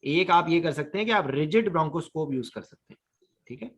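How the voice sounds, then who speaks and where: A man's voice: fairly high pitch, animated, brisk, husky. A man teaching an online anesthesia lesson, quizzing his students and mixing English medical terms into his speech. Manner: questions students, mixes English terms into Urdu.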